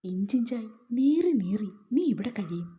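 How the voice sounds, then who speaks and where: A woman's voice: mid-range voice, very animated, measured pace, warm tone. A woman voicing a cruel, taunting young husband. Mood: contemptuous. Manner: harsh, taunting, menacing.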